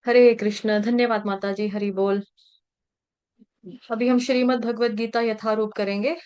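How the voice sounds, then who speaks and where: Woman, high voice, unhurried, scripture recitation teacher, drills each syllable over and over. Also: flat delivery, a little mellow, clear, resonant tone, muffled recording. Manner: repeats words syllable by syllable, drilling pronunciation; chants verse lines slowly. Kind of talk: devotional pronunciation lesson.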